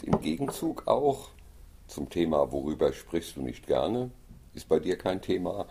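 A man hosting an interview, asking questions in an affirming, measured way with a husky voice. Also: deep voice, warm tone. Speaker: interviewer host.

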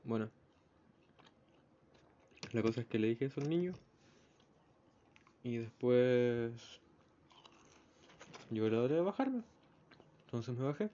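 A man's voice: mid-range voice, lively intonation, takes it slowly, long pauses, dark tone. Young Chilean man telling a rambling story. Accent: Chilean Spanish. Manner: rambling storyteller, acts out the voices in his anecdotes. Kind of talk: casual spoken diary. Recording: slightly muffled with faint background noise.

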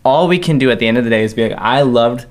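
A young man talks through a casual faith discussion in an earnest way. He slows down and leans on key phrases for emphasis. His voice sits at an ordinary middle pitch. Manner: earnest, builds emphasis with slow stressed phrases. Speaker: podcast co-host.

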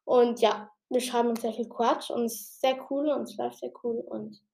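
Woman host, slightly high voice, casual rambling explainer, lots of fillers. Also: steady tone, gravelly, a little mellow. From outside Germany. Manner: chatty and rambling, with many fillers and restarts; says she talked a bit fast. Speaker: podcast host giving tips.

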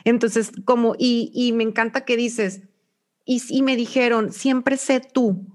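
A woman with a Mexican accent hosting an interview, speaking warmly and reflectively about following one's heart. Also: fairly high pitch, level tone, measured pace. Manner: warm, reflective, talks of intuition and the heart. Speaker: interview host.

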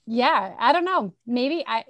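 A woman's voice: a little high, lively intonation, a little slow, a bit bright, dry recording. Woman, middle-aged, from Massachusetts, podcast guest, chatty, friendly, dry sound. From Central Massachusetts. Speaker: guest, education coordinator. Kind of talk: casual podcast interview.

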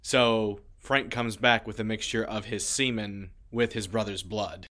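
A man hosting a casual podcast chat, calm and amused, dropping bits of trivia. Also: fairly low pitch, unhurried. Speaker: podcast host.

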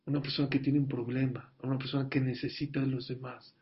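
A man telling a story in a sermon, slowing down and growing louder for emphasis. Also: medium pitch, level tone. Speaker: religious teacher. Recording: dull lo-fi recording.

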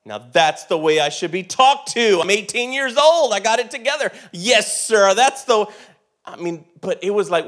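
A man telling a personal story in a sermon, animated and emphatic, swinging between loud and hushed. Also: sits high.

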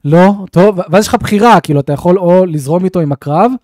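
A man co-hosting a casual gaming podcast, telling game stories with animated, acted-out bits. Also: high-pitched, no room sound, studio quality. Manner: animated storyteller, acts out scenes. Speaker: podcast co-host.

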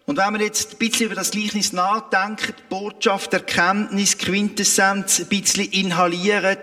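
A man's voice: sits high, bright, forceful tone, long reverb tail. A man with a Swiss German accent preaching a sermon, retelling a parable emphatically with vivid asides.

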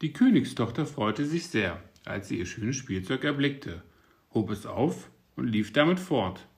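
A man narrating a fairy tale in a lively, expressive way. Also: mid-range voice, unhurried.

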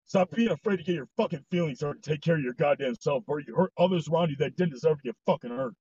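Brief: a fairly high-voiced, husky man hosting a podcast, blunt, profane and ranting, on a dull lo-fi voice chat. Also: quick pace, warm tone. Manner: heated, swears heavily, ranting. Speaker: podcast host. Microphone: voice chat mic. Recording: dull lo-fi online voice call.

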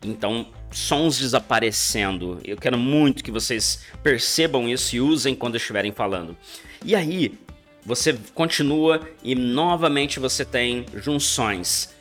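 Lively Brazilian man teaching English pronunciation. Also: medium pitch. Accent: Brazilian Portuguese. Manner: lively, chatty, slows down to model English phrases. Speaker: English teacher, podcast host. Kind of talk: podcast pronunciation lesson. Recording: faint guitar music behind the voice.

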